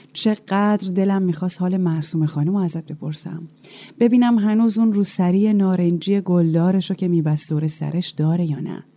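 A woman's voice: lowish voice, warm tone. A woman reading a story aloud as a tender, nostalgic letter to someone from her childhood. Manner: tender, nostalgic, addressing a remembered person. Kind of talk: scripted story narration.

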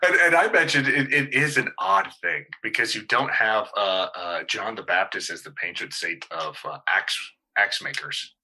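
A man's voice: on the low side, animated, moderate pace, few pauses, sharp tone, breathy edge, rough recording. A male pastor in casual discussion, talking hesitantly with many fillers and restarts.

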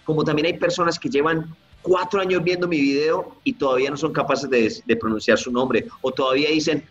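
A man who teaches English, answering interview questions in a lively way and acting out the people he quotes. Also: brisk. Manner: animated, acts out quoted people with big pitch jumps. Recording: roomy, slightly dull, faint music behind.

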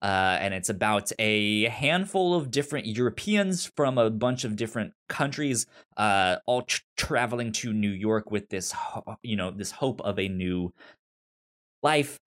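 A podcast host whose sex is unclear chats casually about television, often stumbling and repeating words while explaining. The voice is medium-pitched, animated, unhurried and fairly bright.

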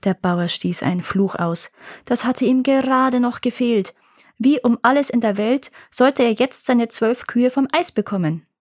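A woman podcast host calmly narrating a short legend in a measured, scripted reading. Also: on the high side, no echo, studio quality. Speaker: podcast storyteller. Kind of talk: scripted fairy-tale narration.

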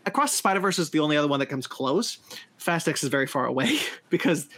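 A man's voice: a little high, very animated, fast talker, fairly bright tone, breathy edge. A man co-hosting a casual film review podcast, talking with enthusiasm. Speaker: podcast co-host.

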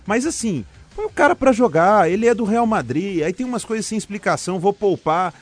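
A man's voice: sits high, animated, a little fast. A man from chatting casually as a football podcast co-host, informal, blunt and opinionated. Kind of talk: casual sports chat.

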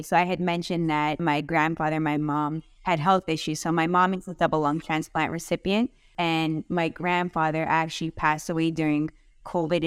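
Smooth-voiced woman executive, low pitch. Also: no echo, clean studio sound. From Canada. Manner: earnest, measured, often lists items. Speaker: company CEO, guest. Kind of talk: podcast interview.

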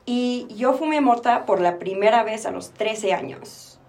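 A woman's voice: on the high side, measured pace, a little mellow, far from the mic. A woman in her twenties from Mexico with a Mexican Spanish accent, a podcast guest speaking openly and reflectively, now and then slipping English phrases into her Spanish. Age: 20s. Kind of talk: candid personal interview.

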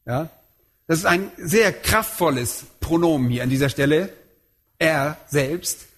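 A man delivers a sermon in a fairly high, husky voice. He leans hard on key words and puts rhetorical questions to his listeners. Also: animated, normal speed. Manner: emphatic, rhetorical questions to the congregation. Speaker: preacher.

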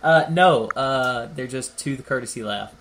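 A man's voice: medium pitch, normal speed, fairly bright tone, a little hiss or hum. A man hosting a casual podcast, reading out and discussing listener questions in a conversational way. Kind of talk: casual chat.

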